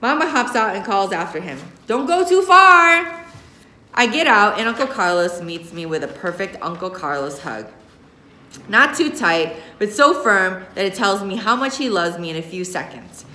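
An American woman, a teacher, reads a young adult novel aloud expressively in a roomy indoor classroom. Her mid-range voice has lively intonation, a moderate pace and a sharp tone. She's recorded by a camera a short distance away, with a little hiss or hum.

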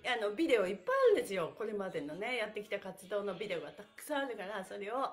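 A middle-aged woman runs a livestreamed stretching class, chatting with her viewers in a cheerful, chirpy, encouraging way as she gives upbeat exercise instructions. Her medium-pitched voice swings widely in pitch and moves very fast. She's in a small indoor room with bare walls and a wooden floor, so the sound is echoey and roomy.

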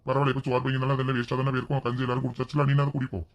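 A woman voicing an elderly grandfather who is a calm father-in-law and mildly scolds. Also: rumbling low, rapid-fire, dull audio, pitched below the performer's own voice. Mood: mildly scolding.

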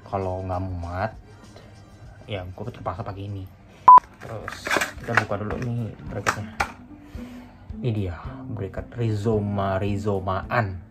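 Young man chatting casually over loud music. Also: lowish voice, steady tone, unhurried, pauses often. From Indonesia. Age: young adult. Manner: chatty, addresses viewers as guys. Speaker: motovlogger reviewing a phone holder. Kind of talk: casual Jakarta-slang unboxing chat. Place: small indoor room beside a motorbike.

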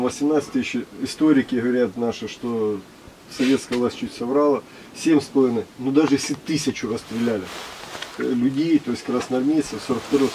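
An insistent man in his fifties tells stories in a relaxed, conversational way and keeps his listeners engaged. He was recorded by a camera across a small indoor pavilion, with guitar music clearly audible behind him. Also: mid-range voice, rough recording. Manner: earnest, insistent, keeps asking "понимаешь". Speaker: battalion veteran. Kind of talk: casual storytelling.

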